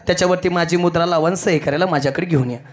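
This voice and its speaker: A man voicing a commanding, impatient king who gives curt orders and fires off sharp questions. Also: fairly high pitch, rapid-fire, voice pushed down, natural voice. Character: commanding middle-aged king, brusque and impatient.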